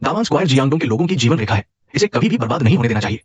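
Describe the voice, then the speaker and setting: A stern official in a dubbed drama, even middle pitch, barking orders. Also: male voice, racing, husky, no room sound, lo-fi sound. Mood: formal. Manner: stern, commanding. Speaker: government official.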